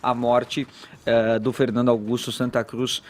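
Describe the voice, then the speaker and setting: Brazilian radio reporter, mid-pitched, measured, reads quotes on air. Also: male voice, little pitch movement. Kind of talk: news report reading quotes.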